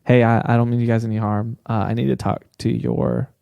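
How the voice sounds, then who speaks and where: A man's voice: medium pitch, flat delivery, a little fast, creaky, dark tone, no echo, dull audio. A man co-hosting a podcast, telling a story in casual chat and laughing often. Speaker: podcast co-host.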